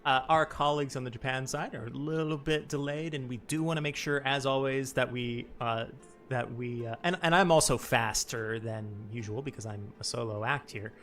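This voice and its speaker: A man presenting a game livestream, talking fast and loosely with a chuckle. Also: medium pitch, fairly bright tone, soft background music.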